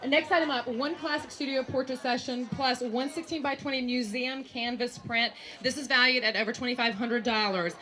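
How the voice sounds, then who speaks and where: A woman emcee with a fairly high, bright voice presents the auction lots. She reads out the item details and values in an upbeat tone. Her delivery is lively. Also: normal speed, hardly any pauses. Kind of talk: announcing auction items.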